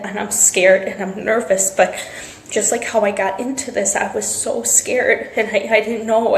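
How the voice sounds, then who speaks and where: A woman talks into her phone in an excited, half-whispered hush, shaky with nerves. The small bathroom gives her voice a hard echo, with faint room noise behind her. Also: mid-range voice. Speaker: network marketing team member. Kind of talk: phone livestream. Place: office bathroom.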